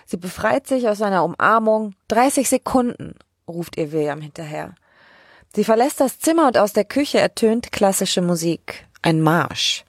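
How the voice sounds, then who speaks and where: A woman recaps a series in a loose, chatty way and drops wry asides as she goes. Her voice is husky and a little breathy, and it is recorded dry and close with no room sound. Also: medium pitch, expressive, moderate pace, dry recording. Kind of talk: casual episode recap narration.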